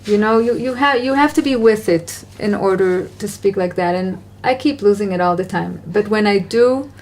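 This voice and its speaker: A woman hosting a casual Q&A conversation, talking about parenting in an earnest, reflective and gently encouraging way. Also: mid-range voice, moderate pace, a little hiss or hum. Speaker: parenting advice host.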